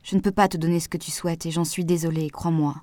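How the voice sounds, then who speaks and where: A woman reading a soft-spoken, firm man. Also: no echo, lightly acted. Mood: gentle firm. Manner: gentle, measured, lowered voice. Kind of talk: audiobook dialogue reading.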